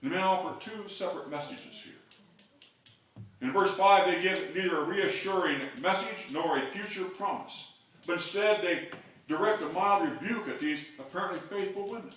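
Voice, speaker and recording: Older guy preaching, higher voice, kinda far from the mic, big echoey church. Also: moderate pace, a little hiss or hum. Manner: builds to loud call-and-response shouts. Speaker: pastor. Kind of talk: sermon. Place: large church sanctuary.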